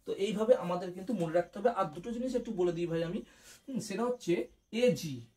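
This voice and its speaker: A man's voice: high voice, animated, fairly quick, mellow. Man teaching, chanting memory rhymes. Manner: repeats points and checks understanding. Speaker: chemistry teacher. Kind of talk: exam-prep lesson.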